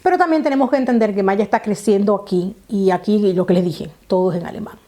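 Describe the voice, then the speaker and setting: A woman's voice: mid-range voice, fast, mellow. A woman from the Republic, talking to camera in a casual, explanatory way, often repeating herself. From Dominican Republic. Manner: explanatory, repeats phrases, many fillers. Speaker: vlogger.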